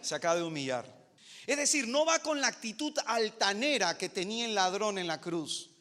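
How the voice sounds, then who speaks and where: A man's voice: high-pitched, expressive, moderate pace, pushed and bright, long reverb tail. A male preacher delivering an emphatic, dramatic sermon full of rhetorical questions.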